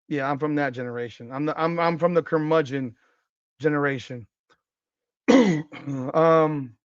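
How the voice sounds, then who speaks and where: On a casual sports talk livestream, a podcast host in his forties rants and swears freely, reading chat comments, his slightly high voice leaping up in pitch whenever something fires him up. The audio is dry, a little dull and lo-fi, with a fairly bright tone and no room sound.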